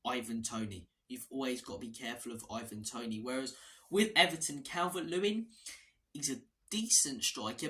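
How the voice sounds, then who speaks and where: A fan channel host, a hoarse man with a medium-pitched voice, gives a football preview in a loose, chatty monologue. He sounds bright and forceful, wandering off topic and restarting phrases as he goes.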